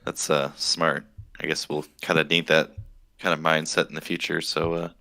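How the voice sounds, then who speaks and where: A man's voice: very deep voice, level tone, moderate pace, creaky, sharp tone, heavily acted. A man playing Ron, an adult man who approves in a matter-of-fact way, in a tabletop game. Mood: approving.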